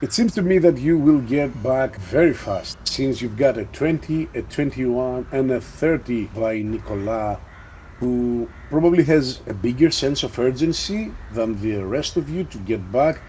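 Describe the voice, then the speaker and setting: A man narrating a tabletop role-playing game as game master, measured and descriptive. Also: mid-range voice, expressive, mellow, slight background noise, low-quality recording.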